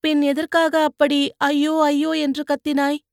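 A woman voicing a spirited, sharp-tongued young boatwoman who answers with mocking retorts, in an audiobook. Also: sits high, monotone, measured pace, no echo, studio quality, voice pushed up.

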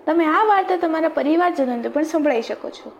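A woman podcast host narrating a children's folk tale in an expressive storytelling manner. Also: sits high, fairly quick, creaky, dull audio, slight background noise.

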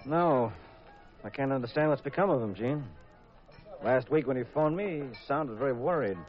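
Actor as a lively, teasing detective husband. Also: male voice, medium pitch, moderate pace, close to an everyday voice. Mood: skeptical. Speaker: lead actor. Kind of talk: 1950s radio drama acting. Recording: muffled old radio recording with music.

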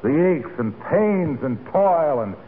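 An actor playing an effusive, relentlessly enthusiastic pitchman and announcer in a 1940s radio comedy, with gushing salesman delivery. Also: big pitch swings, slow pace. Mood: impassioned. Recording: tinny 1940s radio recording, faint noise.

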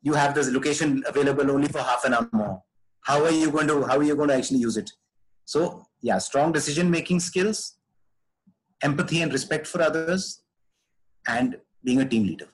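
A man's voice: a little high, brisk, poor audio. A man speaking as a podcast guest, giving earnest, conversational advice and repeating phrases for emphasis.

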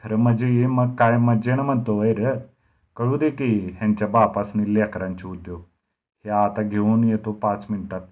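A man voicing a brash, quarrelsome village boy who scolds loudly. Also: fairly low pitch, flat delivery, a little slow, narrow, tinny audio, lightly acted. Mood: scolding. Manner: loud scolding rustic talk.

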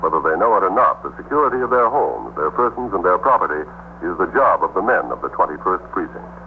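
A thin, narrowband vintage radio recording with faint hum carries a deep-voiced man announcing a 1950s drama. His measured, solemn narration rises and falls with lively range.

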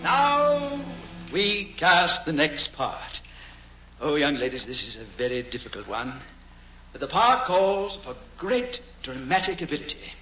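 An actor playing a theatrical talent-show emcee in a 1940s radio drama, sing-song and showy. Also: male voice, on the high side, big pitch swings, unhurried, pushed and bright, faint music behind, heavily acted. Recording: dull old radio recording, roomy.

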